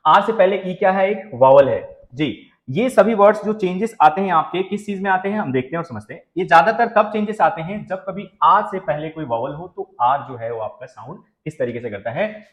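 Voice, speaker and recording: Man teaching with a higher voice in an echoey room. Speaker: English teacher. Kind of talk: classroom-style lesson. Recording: echoey, muffled room recording.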